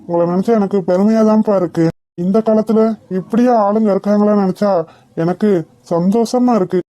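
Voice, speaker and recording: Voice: mid-range voice, fairly quick, warm tone, no room sound, muffled recording, close to an everyday voice. A voice actor playing a modest, good-hearted husband in a cartoon who speaks reassuringly. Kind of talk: cartoon voice acting.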